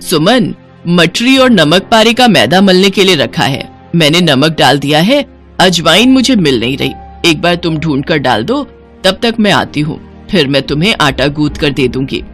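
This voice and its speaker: A woman's voice: sits low, very animated, moderate pace, soft background music, voice pushed down. A woman voicing an older, strict mother-in-law in a cartoon, scolding and firm. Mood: stern. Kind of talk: cartoon voice acting.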